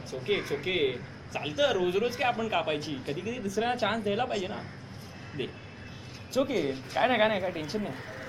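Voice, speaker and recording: An actor playing a bossy young elder brother who boasts and scolds while flying kites on a rooftop in a short film. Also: male voice, high voice, lively intonation, moderate pace. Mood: easygoing. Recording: noisy outdoor location sound.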